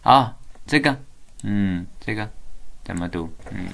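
A woman teaches Chinese one-on-one over a video call, patiently repeating each word and switching between Chinese and English. Her voice sits very low with a gravelly edge, and she speaks slowly. Faint background noise and keyboard clicks come through the call. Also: animated, a bit bright. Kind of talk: live online one-on-one Chinese lesson.

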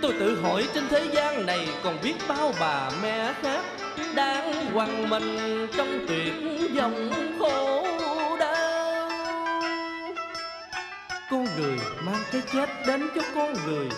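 A woman singing as a grieving mother, slow lament. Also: high-pitched, very animated, heavily acted. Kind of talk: slow sung reformed opera lament. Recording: roomy hall with loud music.

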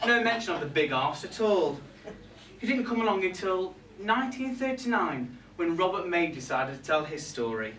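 Captured from afar by a camera in a small, echoey pub room with background noise, a young man performs a comic monologue as a resentful, catty reindeer complaining about Santa's crew. His high voice is sing-song and a bit bright at a normal speed, and he's indignant and gossipy, tossing arch asides to the live audience.

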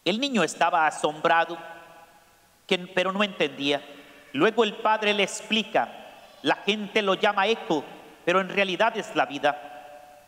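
A priest preaching a sermon, slow and emphatic, putting questions to his congregation. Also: high-pitched, a bit bright. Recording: echoey church hall.

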